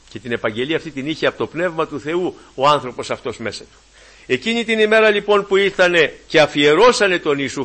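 Fervent preacher man. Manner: fervent preaching, swings between loud exclamations and low asides. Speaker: pastor. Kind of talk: sermon.

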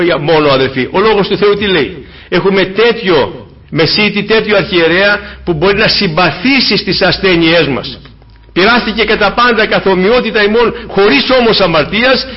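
A man preaching a fervent sermon, swinging between loud exclamations and hushed asides to the congregation. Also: high-pitched. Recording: dull lo-fi recording.

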